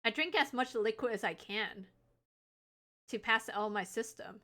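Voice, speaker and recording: A woman's voice: a little high, normal speed, pushed and bright. A young adult woman hosting a live stream, chatting casually and teasing, laughing often. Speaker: livestream host.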